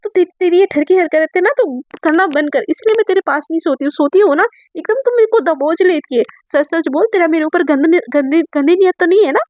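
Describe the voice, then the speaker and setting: A woman's voice: very high-pitched, brisk, hardly any pauses, darkish tone, dry recording. A woman voicing a protective young woman who scolds and comforts her friend in turn. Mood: scolding. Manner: scolding yet soothing. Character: protective young woman Sara, tough and affectionate.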